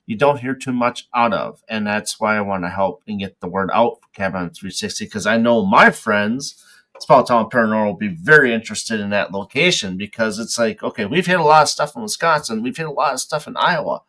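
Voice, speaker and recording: Male podcast host, bright tone, easygoing, laughs a lot, casual interview. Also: lowish voice, a little fast. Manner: relaxed, laughs often, easygoing.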